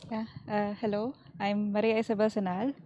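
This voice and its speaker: Woman from the philippines, researcher, flat mellow voice, muffled lo-fi sound. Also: mid-range voice, normal speed, no room sound. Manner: hesitant, many fillers. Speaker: researcher, panel guest. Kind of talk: panel discussion. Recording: dull lo-fi line.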